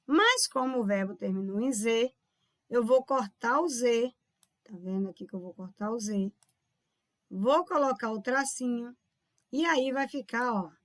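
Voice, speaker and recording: A woman's voice: on the high side, a bit bright, no echo, clean studio sound. A woman teacher with a Brazilian Portuguese accent explains grammar exam questions, often checking in with her viewers as she goes. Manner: explanatory, keeps checking in with "tá vendo?" and calls viewers "povo lindo". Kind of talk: online grammar lesson solving exam questions.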